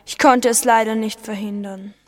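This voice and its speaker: A woman's voice: fairly high pitch, steady tone, normal speed, big-room sound, close to an everyday voice. A schoolgirl playing a solemn village mayor. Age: teens. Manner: formal speechmaking.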